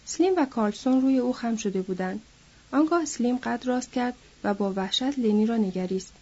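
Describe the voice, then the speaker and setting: A woman reading a novel aloud in a steady storytelling manner, on a dull lo-fi recording. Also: a little high, breathy edge. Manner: steady storytelling, lifting her voice for quoted characters.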